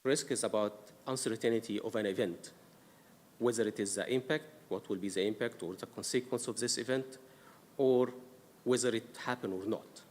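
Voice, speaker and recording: This Egyptian presenter has a fairly low voice with a darkish tone and speaks at normal speed. He walks a council through a risk management workshop carefully, with an Egyptian accent and lots of "uh." A distant mic records him in a noisy, echoing council meeting room.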